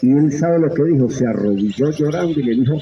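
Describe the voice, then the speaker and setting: A man's voice: medium pitch, expressive, fast, lo-fi sound. A middle-aged man preaching a sermon with fervent, swooping delivery that rises and drops sharply. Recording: faint background noise.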